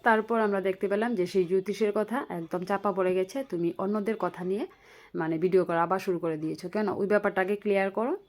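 A woman's voice: mid-range voice, steady tone, quick pace. A woman with a Bengali accent giving a vlog commentary, lecturing and scolding another creator with rhetorical questions. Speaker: vlogger.

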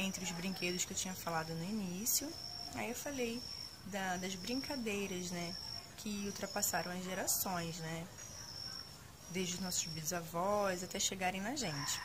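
A woman's voice: mid-range voice, background noise. A Brazilian woman teacher explaining a writing task in a patient, explanatory way, often checking in with tag questions. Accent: Brazilian Portuguese. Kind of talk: casual classroom instruction.

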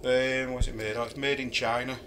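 A middle-aged man with a Yorkshire accent speaks a little fast in a level, medium-pitched voice as he casually weighs up a camping chair in his kitchen. Frequent ums mark his thinking aloud, and the camera a few feet away catches background noise.

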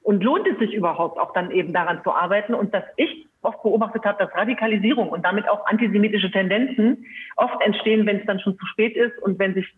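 A man speaks as a guest on a live online panel. His voice sits high, and the call audio is narrow and tinny. He stays earnest and measured, with filler sounds along the way. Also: a little hiss or hum. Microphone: video call.

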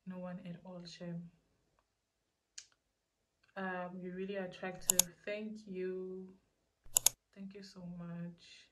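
A woman's voice: lowish voice, flat delivery, slow, long pauses, background noise. A young woman with a South African accent, rambling and repeating herself as she casually answers questions. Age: young adult. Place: small indoor room.

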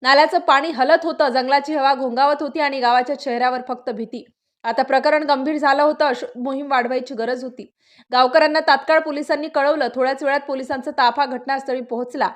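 A woman's voice: high voice, steady tone, brisk. A woman narrating a scripted news story in a suspenseful, dramatic style with short clipped phrases.

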